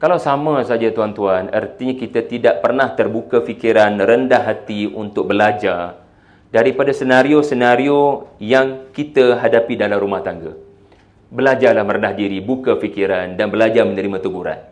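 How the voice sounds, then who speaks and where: A man with a Malaysian Malay accent giving a religious lecture, moving between loud, emphatic points and quiet, soft talk, with English words mixed in. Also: fairly low pitch, normal speed. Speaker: Islamic preacher.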